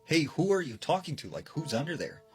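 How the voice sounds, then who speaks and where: A man's voice: lowish voice, expressive, a little fast, soft background music, lightly acted. Brief: a man doing a panicked mother, anxious and pleading. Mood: alarmed. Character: frightened mother of a young boy.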